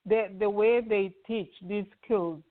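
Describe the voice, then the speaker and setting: A woman's voice: mid-range voice, steady tone, slow pace. Middle-aged Ugandan woman on a phone line. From western Uganda. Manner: earnest, with frequent fillers and restarts. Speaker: guest, home care agency CEO. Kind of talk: conversational interview answers. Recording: tinny phone-line audio.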